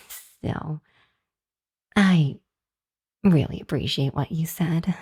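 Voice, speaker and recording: Voicing a shy young female hellhound demon in search of shelter, a woman addresses the listener in an intimate ASMR roleplay, sincere and grateful. Her low, slow voice is darkish, slightly rough, and exaggerated. She hesitates and gets flustered easily, halting with sighs and nervous chuckles.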